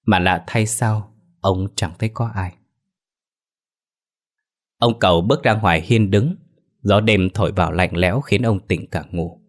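Deep-voiced man narrating a ghost story. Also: a little slow, pauses often. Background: faint music.

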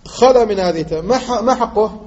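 A man from Algeria teaching a grammar text, pausing to ask his students questions and repeating key points. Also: sits high, darkish tone. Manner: asks students rhetorical questions and drills the point. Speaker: sheikh teaching Arabic morphology. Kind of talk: classroom lesson explaining a grammar text. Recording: muffled lo-fi lesson recording with faint background noise.

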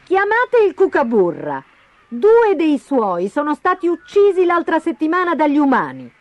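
A woman's voice: high voice, huge pitch swings, no echo, pitched above the performer's own voice. A woman doing a solemn pompous pelican. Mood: solemn accusing. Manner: slow, solemn and accusing.

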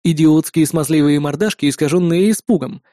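A man's voice: brisk, dry recording, clean studio sound. A man reading a first-person story aloud and switching his voice for the different characters. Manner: shifts pitch and loudness to voice different characters. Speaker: audiobook narrator. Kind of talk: first-person narration with acted dialogue.

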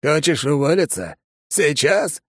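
A man voicing a blunt, commanding older army colonel with a gravelly, barking delivery. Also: fairly high pitch, a little slow, dry recording, clean studio sound, voice pushed up. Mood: gruff.

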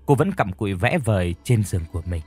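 A man's voice: on the low side, very animated, fast, a little mellow, soft background music. A man narrating a scripted horror story in a dramatic storytelling manner.

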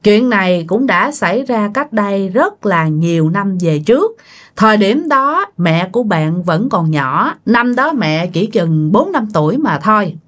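A woman's voice: mid-range voice, big pitch swings, unhurried. A woman narrating a ghost story for her channel, chatty and colloquial, often speaking straight to her listeners.

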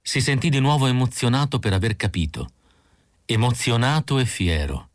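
A man narrating an audiobook in a measured, even reading on a close studio mic. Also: medium pitch, no echo.

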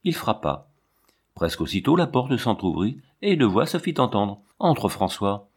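A man reading a novel aloud as narrator in a measured, steady way. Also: medium pitch, slightly rough. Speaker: audiobook narrator. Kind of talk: scripted narration.

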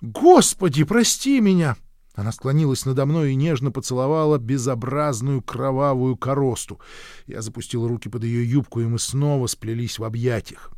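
A man reading a first-person literary story aloud in a measured, gruff manner, close to the mic. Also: mid-range voice, fairly even intonation, darkish tone, dry recording. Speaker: audiobook narrator.

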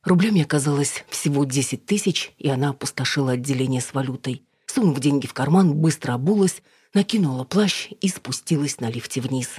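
An audiobook reader narrating a novel in a steady, even storytelling manner. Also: mid-range voice, a little fast, hardly any pauses, husky, no room sound, studio quality.

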